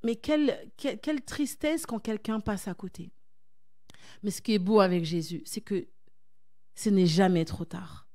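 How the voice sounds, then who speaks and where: A woman's voice: medium pitch, normal speed, dark tone. A woman speaking as a coach at a church conference, urging her listeners on with repeated phrases and questions to the audience. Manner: exhortative, repetitive emphasis.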